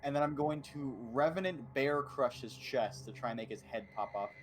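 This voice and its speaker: Man, tabletop player, slow and amused, steady background hiss. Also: medium pitch, poor audio. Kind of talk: tabletop game play.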